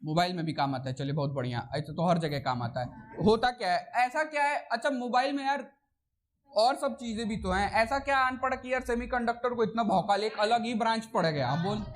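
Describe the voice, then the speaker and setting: A man's voice: sits high, expressive, fairly quick. A man teaching a physics class to students in a chatty, repetitive way, often asking "theek na" and scolding or teasing the class. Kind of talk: classroom lecture.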